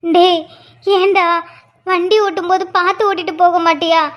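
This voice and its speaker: Give me a woman as a worried, scolding cartoon mother with a very high voice. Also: little pitch movement, normal speed, a bit bright. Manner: scolding, tearful. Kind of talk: cartoon voice acting.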